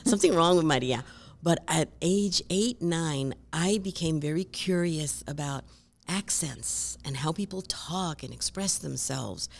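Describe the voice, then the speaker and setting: Woman, low gravelly voice, animated storyteller, interview guest. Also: slow. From Puerto Rico. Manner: animated, acts out voices and accents in stories. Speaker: guest speaker.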